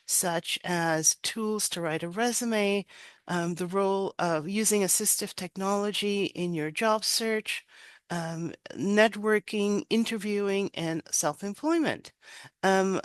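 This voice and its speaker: Halting middle-aged woman hosting, very dry sound. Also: mid-range voice, clean tone, no echo. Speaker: webinar host. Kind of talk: hosting a webinar. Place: indoor video call. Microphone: headset.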